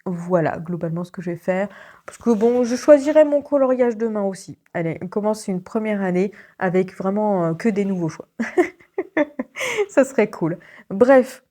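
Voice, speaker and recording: A young woman from Belgium talks casually to her viewers about her reading. She speaks at a middle pitch, with plenty of small hesitations, and she giggles often. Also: animated, normal speed, warm tone. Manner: chatty, many hesitations, frequent giggles. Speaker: book vlogger. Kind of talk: casual vlog chat.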